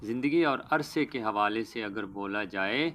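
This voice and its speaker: A man teaching a pronunciation lesson, speaking deliberately and stressing each corrected word. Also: on the low side, a bit bright. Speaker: Urdu teacher.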